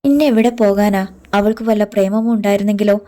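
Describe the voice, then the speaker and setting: Coy thirty-year-old village maid, voiced by a woman reader: teasing, mock-sulky, mellow and slightly lifted. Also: medium pitch, fairly even intonation, fairly quick, natural voice. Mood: coaxing. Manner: coaxing, mock-sulky questions.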